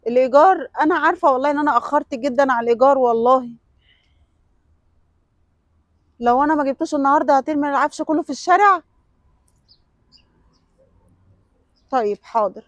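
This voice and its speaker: A woman's voice: sits high, no echo, lightly acted. A woman playing a composed Egyptian young woman. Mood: pleading. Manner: pleading at first, then calm and self-assured. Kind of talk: web sketch acting.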